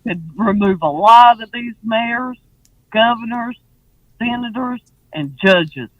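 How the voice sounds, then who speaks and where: A woman calling in to a show, speaking slowly with a drawling manner. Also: on the high side, no echo, dull audio. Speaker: caller. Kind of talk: call-in comment.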